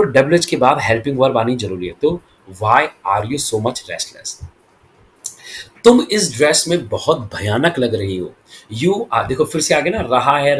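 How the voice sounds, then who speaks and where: A man teaching an English lesson in Hindi at a mid pitch. He races through his explanations and then slows right down to spell out each English example. A faint hiss of noise sits under his voice. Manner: slow, deliberate English example sentences between fast explanations.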